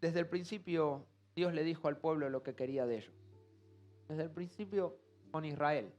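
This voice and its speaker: Male preacher, Argentine accent, animated sermon delivery, a bit high-pitched, soft music underneath. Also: moderate pace, highs cut off. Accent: Argentine Spanish. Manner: expressive, acts out everyday voices. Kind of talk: live church sermon. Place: church service.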